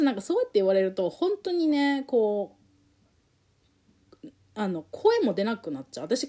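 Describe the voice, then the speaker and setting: A woman telling her own story in a candid, emotional and reflective way, with many pauses and fillers. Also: mid-range voice, darkish tone.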